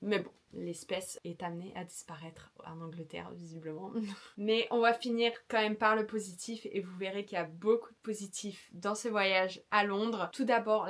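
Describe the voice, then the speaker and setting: A young woman talks straight to her viewers in a relaxed vlog, frank and enthusiastic, with easy fillers between thoughts. Her voice sits at a middle pitch. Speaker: travel vlogger. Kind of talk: casual vlog advice.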